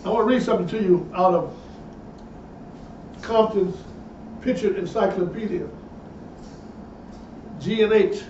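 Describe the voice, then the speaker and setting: A man's voice: sits high, measured pace, pauses often, a little mellow, slight background noise. A man preaching, reading passages aloud and breaking in with emphatic asides. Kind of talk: sermon with read-aloud passages. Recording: echoey, distant, dull lo-fi sound.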